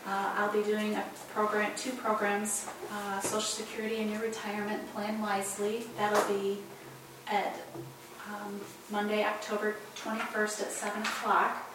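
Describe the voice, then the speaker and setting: A woman's voice: mid-range voice, completely flat delivery. Distant woman reporting at a meeting. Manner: halting, many fillers. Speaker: program coordinator reporting to a board. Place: meeting room. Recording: distant mic in echoey room, noisy.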